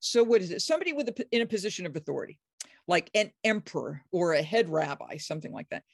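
A biblical scholar, middle-aged or older, talking with enthusiasm and emphasis and breaking into high, acted quotes. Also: sing-song, fast talker, gravelly, no room sound, clean studio sound. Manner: acts out quoted speech with sudden high pitch jumps; emphatic, enthusiastic, frequent restarts. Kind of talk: animated explanatory conversation.

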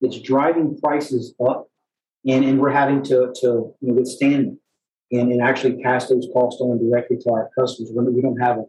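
A man giving an off-the-cuff presentation in front of an audience as a utility executive, halting and often repeating words as he goes. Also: mid-range voice, flat delivery, darkish tone. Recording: echoey room with faint background noise.

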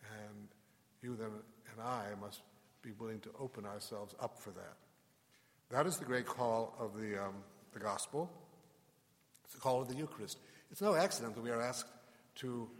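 A man preaches as a priest, in a mid-pitched voice with a steady, pausing delivery. His words hang in the long reverb of a large church, a cathedral echo trailing every phrase. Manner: measured, unhurried preaching with pauses. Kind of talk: gospel reading and homily at Mass.

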